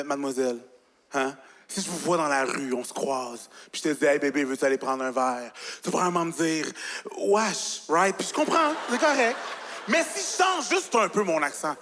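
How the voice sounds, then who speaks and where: A young man with a Quebec French accent doing an animated stand-up set on a large gala stage, talking straight to the audience. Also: a little high. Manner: animated, chatty, addressing the audience directly. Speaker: stand-up comedian. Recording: reverberant live hall, faint ambience.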